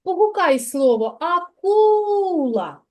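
Woman, kindergarten teacher, high voice, patient, sing-song, praising. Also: sing-song, slow pace. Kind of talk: literacy lesson with a child. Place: kindergarten classroom.

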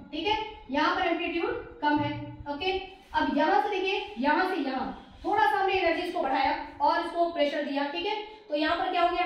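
A woman teacher with an Indian accent works through a lesson, posing questions and answering them herself. Her voice sits high. The recording is heavily echoey, as if made in a bare, reverberant room. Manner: rhetorical questions answered at once, frequent "theek hai". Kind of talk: classroom lesson explanation.

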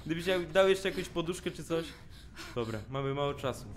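A young man casually commenting on a video game as he plays, cracking jokes, swearing often and shouting at the screen when things get tense. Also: fairly high pitch, a little fast, noisy background. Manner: jokey, swears a lot, yells at the screen in tense moments. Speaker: let's play gamer. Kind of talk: casual let's play commentary.

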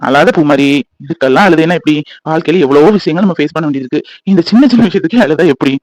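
A man's voice: on the high side, a little mellow, no echo, natural voice, rough recording. A man voicing a loving young husband in a cartoon, earnest and reassuring. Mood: soothing. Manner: soothing, coaxing, explaining quickly.

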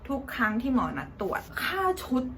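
A young woman vlogger telling a casual, animated story about her own experience, chatty and loose with slang. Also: fairly high pitch, brisk. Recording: loud background noise.

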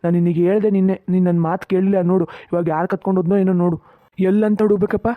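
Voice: medium pitch, little pitch movement, no echo, lightly acted. An actor doing Puttappa, a fussy old farmer. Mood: fretting. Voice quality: fast, grumbling, talks to himself. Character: older village farmer with coconut grove, fussy, fretting about money. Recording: tinny narrow-band sound, dry.

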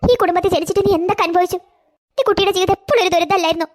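A tearful, self-sacrificing cartoon grandmother as a woman puts her on. She coaxes gently in a high voice at a quick pace. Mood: sad. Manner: gentle, coaxing. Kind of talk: cartoon voice acting.

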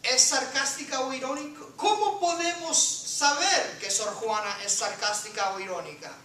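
Bright-voiced woman teaching in echoey classroom. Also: sits high, moderate pace, recorded from a distance, slight background noise. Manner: questioning, switches into English, reads aloud. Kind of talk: classroom lecture.

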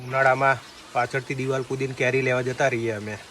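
A man's voice: medium pitch, little pitch movement, fast, background noise. A man vlogging casually from his family home, chatty and teasing, talking to his viewers while feeling a bit feverish. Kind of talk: casual family vlog narration.

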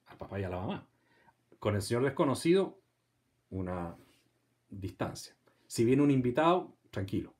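A man's voice: medium pitch, darkish tone. A middle-aged Chilean man teaching a parish theology class in a conversational way, asking his listeners questions and acting out replies. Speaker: theology lecturer.

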